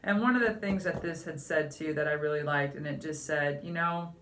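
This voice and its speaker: Low-voiced woman hosting a radio chat. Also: fairly quick, fairly bright tone, roomy sound, slight background noise. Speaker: radio host.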